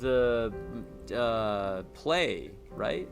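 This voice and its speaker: A man streaming a horror game with excitable, jokey commentary and mock-scared outbursts. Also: medium pitch, extremely slow, creaky. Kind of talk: lively gameplay commentary, reading game text aloud. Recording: music behind the voice. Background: game music.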